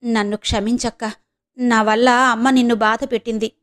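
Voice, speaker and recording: A woman's voice: a little high, level tone, moderate pace, fairly bright tone, natural voice. A woman voicing a young student who defends herself and pleads with her elder sister, in a storybook reading. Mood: defensive.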